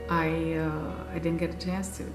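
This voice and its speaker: Low-voiced woman in her forties. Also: level tone, measured pace. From Haiti. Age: 40s. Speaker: interviewee. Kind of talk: personal recollection. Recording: echoey room with music underneath. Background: music.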